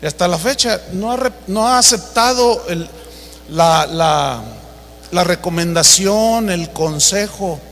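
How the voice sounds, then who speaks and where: A man's voice: sits high, takes it slowly, a bit bright, slight background noise. A man preaching a sermon, emphatic and acting out stories as he goes. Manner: emphatic preaching with acted-out anecdotes. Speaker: pastor. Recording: reverberant hall.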